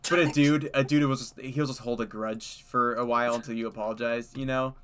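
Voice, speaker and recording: A man's voice: mid-range voice, fairly even intonation, fairly quick, fairly bright tone, clean tone. Young male streamer, clean ringing voice, casual rambling chat with laughs. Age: young adult. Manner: rambling, laughs often, many fillers. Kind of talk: casual chat while gaming.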